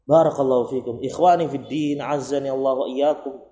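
A man's voice: medium pitch, fairly even intonation, a little fast, mellow, echoey room. A man giving an emphatic religious study lecture, sprinkling Arabic phrases and acting out everyday dialogue. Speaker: Islamic preacher.

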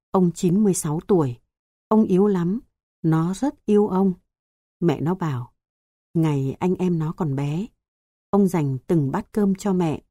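A woman reads an audiobook story in a calm, measured way. Her voice is fairly low, with a mellow, warm tone. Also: dry recording, clean studio sound. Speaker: audiobook narrator. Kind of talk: scripted narration.

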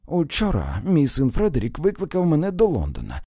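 Flustered old earl, plaintive and lively, read by a male narrator. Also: on the high side, a little fast, slightly rough, dry recording, clean studio sound, pitched above the performer's own voice, full character voice. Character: elderly mild-mannered earl, flustered.

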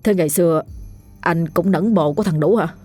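A woman's voice: fairly low pitch, a little mellow, husky, soft background music. Woman doing a cowardly whiny young man. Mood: scared. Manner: hurried, pleading. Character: cowardly battered young man, whining and cursing.

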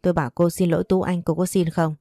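A woman's voice: on the low side, level tone, fast, mellow, no echo, clean studio sound, faint music behind, close to an everyday voice. A woman voicing a harsh, domineering mother-in-law who scolds and insults, in a storybook reading. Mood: furious.

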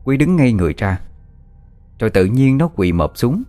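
A man narrating a horror story in a slow, measured way. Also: mid-range voice, big pitch swings, warm tone.

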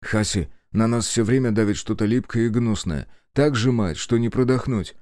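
A man's voice: lowish voice, normal speed, darkish tone, dry recording, studio quality, lightly acted. A man voicing an anguished, angry young man in an audiobook.

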